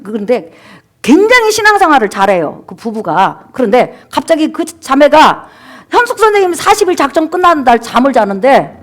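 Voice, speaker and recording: Woman pastor preaching, high voice, keeps asking the church for amens and throwing questions at them. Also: very animated, moderate pace. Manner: exhorting, calls for amens, rhetorical questions to the congregation; acts out quoted people in her stories. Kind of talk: sermon with testimony.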